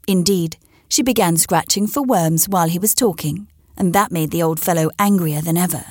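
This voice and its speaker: A woman hosting a story podcast, narrating old tales in an expressive storytelling manner. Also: fairly low pitch, moderate pace, no room sound, studio quality.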